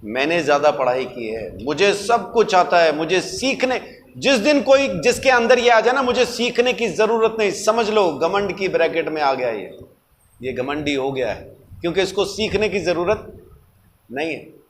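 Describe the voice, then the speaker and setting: A male preacher with a notably high voice delivers an animated, emphatic sermon at normal speed, asking rhetorical questions, repeating key words and drawing on everyday anecdotes as he teaches. Long hall reverb surrounds him, with slight background noise.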